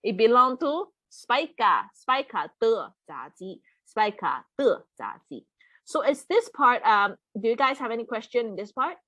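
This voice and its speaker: A woman's voice: a little high, big pitch swings, a little slow, bright, forceful tone, no room sound. A woman teaching an online Mandarin lesson in English, patiently repeating words and checking in with her students. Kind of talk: live online language lesson.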